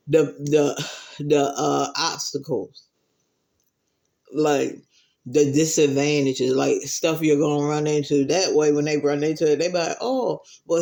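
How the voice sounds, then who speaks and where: Man, slightly high voice, casual mukbang chat, talking while eating, earnest, pausing between phrases. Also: a little mellow. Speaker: mukbang vlogger.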